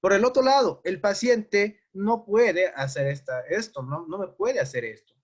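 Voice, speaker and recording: A man's voice: high voice, normal speed, breathy edge. A man teaching a first-aid class, explaining with worked examples and asking the class questions. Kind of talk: classroom lecture.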